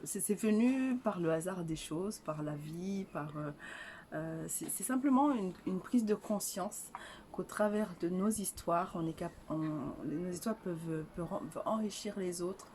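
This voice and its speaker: A woman's voice: fairly low pitch, unhurried, a little mellow, a little hiss or hum. An older woman from Rwanda, an author answering interview questions in a hesitant way, full of fillers and restarts. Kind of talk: casual interview.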